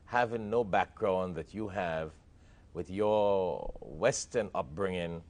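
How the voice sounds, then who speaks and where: A man's voice: low voice, animated, takes it slowly, a little mellow. A man hosting an interview, asking long probing questions and interjecting with short affirmations. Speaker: interviewer, show host.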